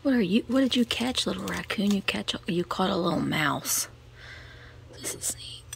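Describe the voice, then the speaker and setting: Filming on a handheld camera's built-in, sensitive microphone, an American vlogger shows off finds in a cluttered antique mall, with clear store noise around her. She murmurs shop-along commentary in a hushed, gentle, mid-range voice that's expressive, at a moderate pace, often sinking to a near-whisper.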